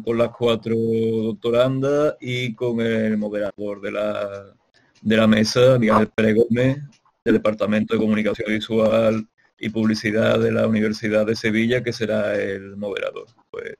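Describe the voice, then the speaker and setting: A man introduces an online doctoral school session. His voice stays flat and even in pitch, and he speaks haltingly, restarting his sentences often. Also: creaky, a little hiss or hum. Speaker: event organizer. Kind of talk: opening remarks on a video call. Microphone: video call.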